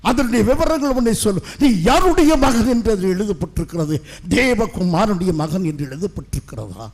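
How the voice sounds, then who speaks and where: A middle-aged male pastor preaching an impassioned sermon, swinging between loud declarations and hushed asides. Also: high voice, very animated, normal speed.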